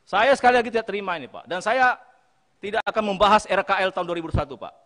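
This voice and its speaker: In a big parliamentary meeting room, a committee chair with a high-pitched, expressive, somewhat bright voice speaks fast and passionately. He keeps appealing to the minister with emphatic pleas, and his words ring with long chamber reverb.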